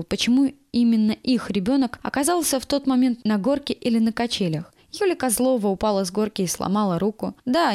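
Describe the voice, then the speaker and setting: A woman reading a first-person story aloud in a steady, even storytelling manner. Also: fairly high pitch, no room sound, clean studio sound. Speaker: narrator. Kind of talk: first-person audiobook narration.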